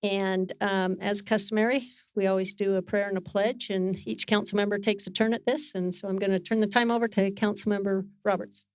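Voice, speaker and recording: Woman, meeting chair, medium pitch, formal procedural speech, halting delivery, dry room sound. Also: steady tone, dry recording. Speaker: chair of a city council meeting. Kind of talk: formal meeting facilitation, partly off the cuff. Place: council meeting room, speaking into a microphone.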